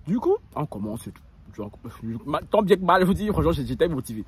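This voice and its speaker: Young Ivorian vlogger, animated storyteller, lively pitch, slightly high. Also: male voice, fast talker, a little hiss or hum. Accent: Ivorian French. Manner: animated, laughing, self-mocking. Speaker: gossip vlogger. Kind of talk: storytime confession.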